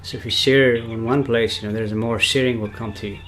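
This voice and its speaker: A man talks loosely and wanders from point to point, the way a spiritual teacher chats on a live stream. His voice sits at an ordinary middle pitch, and a faint ambient hum hangs under his words. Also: fairly even intonation, brisk, fairly bright tone. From Nepal. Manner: rambling, talks of himself in the third person. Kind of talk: casual livestream talk.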